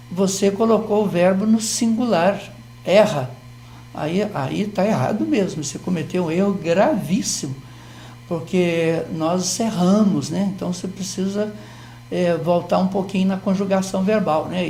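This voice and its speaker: An older Brazilian man teaching grammar on television, with a gravelly, dark tone. He explains patiently, step by step, tossing in small questions to check his listener follows. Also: high voice, slight background noise. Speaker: Portuguese language teacher.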